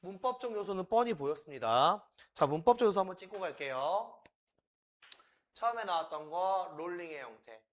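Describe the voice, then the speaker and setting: A man's voice: high voice, animated, moderate pace. A man teaching English for exam prep, animatedly acting out dialogue lines and repeating key points to his students.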